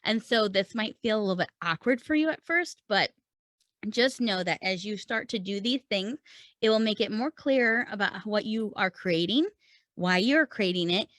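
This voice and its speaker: A woman podcast host and writing coach delivers a conversational, informal lesson, explaining step by step and asking and answering her own questions for listeners. Her medium-pitched, fairly bright voice has lively intonation and a moderate pace, in a dry, clean studio recording.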